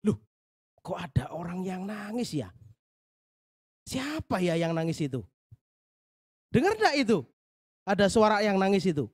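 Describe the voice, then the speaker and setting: A man leading a Sunday school lesson, talking to the children in a lively, coaxing way and telling a Bible story. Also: sits high, normal speed, long pauses. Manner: animated, coaxing, talks straight to the children.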